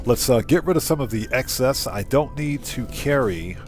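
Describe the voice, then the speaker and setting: A game streamer and host gives casual live commentary, talking himself through each step and addressing his chat. His medium-pitched voice has lively intonation at normal speed, with soft music in the background.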